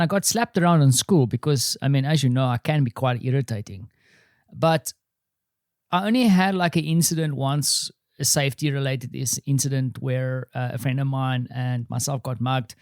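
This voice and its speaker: A man's voice: mid-range voice, a little mellow, no echo, clean studio sound. A middle-aged man hosting his own podcast, rambling and self-deprecating in a casual solo monologue. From South Africa. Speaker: podcast host. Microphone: studio microphone.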